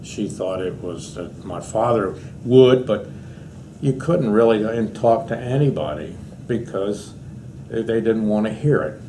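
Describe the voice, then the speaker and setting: Elderly American male war veteran, lowish voice, reminiscing anecdotally for an oral history; clearly noisy room recording. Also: lively intonation, measured pace, mellow. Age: 80s. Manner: old veteran remembering, rambling and anecdotal. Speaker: war veteran being interviewed.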